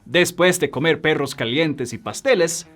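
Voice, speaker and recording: A man teaching a beginner English lesson, slowing down to model the English words clearly. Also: fairly high pitch, soft background music. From Sweden. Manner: lively, encouraging, slows down to model English words. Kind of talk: language lesson.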